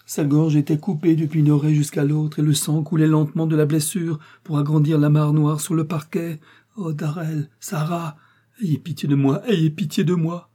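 A man's voice: on the high side, level tone, normal speed, mellow, breathy edge, pitched above the performer's own voice. A man reading a novel aloud, voicing a young woman close to madness who pleads in a raised, breathless voice. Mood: frantic. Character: terrified young woman, frantic and near madness.

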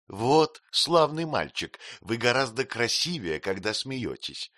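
A pouting, childish young wife, as a male reader puts her on, pitched well above his own low voice. She pleads and complains plaintively, her lines rising and falling a lot. The recording is dry and close. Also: sing-song, slow, fairly bright tone, no echo. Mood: playful. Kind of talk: audiobook character reading.

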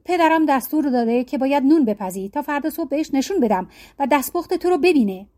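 A woman's voice: sits high, lively intonation, darkish tone. A woman reading a storybook, voicing a troubled young prince in a plaintive, worried tone.

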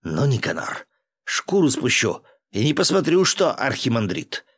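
A man voicing a hot-tempered military governor who shouts and blusters threats at a closed gate in an audiobook. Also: on the high side, sing-song, unhurried, husky, no echo, studio quality, voice pushed up, exaggerated voice. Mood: furious shouting. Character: quick-tempered male military governor, middle-aged, blunt.

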